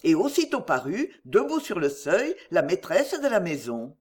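A narrator reading a novel aloud in a measured, expressive storytelling voice. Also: medium pitch, husky.

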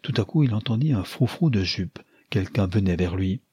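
Man reading an audiobook, low voice, husky, dry close sound, calm and measured. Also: dry recording. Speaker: narrator. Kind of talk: audiobook narration.

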